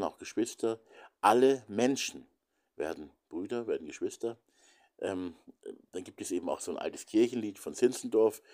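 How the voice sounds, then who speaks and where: A man giving a reflective spiritual talk, halting and thoughtful with many fillers, sometimes dropping to a whisper. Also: deep voice, dark tone.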